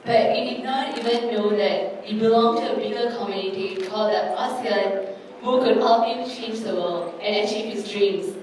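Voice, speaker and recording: A woman's voice: a little high, darkish tone. A woman presenting a group project in an upbeat, storytelling way. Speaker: workshop participant presenting a project. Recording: echoey hall, distant mic, background noise.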